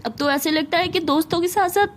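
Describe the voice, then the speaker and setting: A woman's voice: very high-pitched, fast, slight background noise, voice pushed up. A woman voicing a sad, withdrawn young female student who pleads to be left alone. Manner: weary, pleading.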